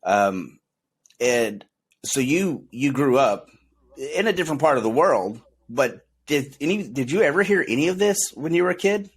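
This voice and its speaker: A man in his forties from Oklahoma, hosting a casual political chat in a halting way, with many fillers. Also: medium pitch, expressive, slightly rough. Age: 40s. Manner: halting, full of fillers and restarts.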